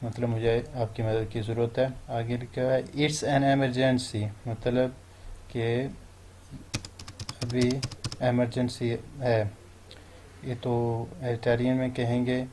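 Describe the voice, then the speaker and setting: Even-toned man teaching phrases slowly. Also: mid-range voice, a little hiss or hum. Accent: Pakistani Urdu. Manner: slows down and stresses each foreign phrase. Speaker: language teacher. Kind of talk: explaining phrases step by step.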